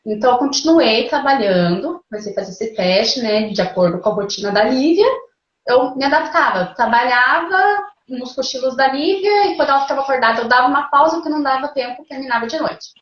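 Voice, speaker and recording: Woman guest, higher voice, heartfelt storytelling, echoey muffled call audio. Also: a little fast. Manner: earnest, animated retelling with quoted inner thoughts. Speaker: guest mother sharing her story. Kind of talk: emotional personal storytelling. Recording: roomy, dull lo-fi call audio.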